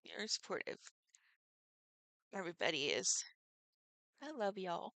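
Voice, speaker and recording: A woman's voice: mid-range voice, very animated, a little slow, fairly bright tone, no room sound. A middle-aged woman hosting her own livestream, chatting casually with viewers and laughing often. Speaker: livestream host. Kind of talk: casual chat with live viewers.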